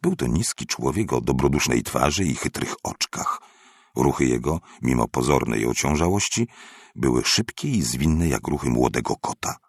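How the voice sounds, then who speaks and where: A man narrating a story aloud in a measured, expressive audiobook reading. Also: extremely low pitch, slightly rough, dry recording, clean studio sound.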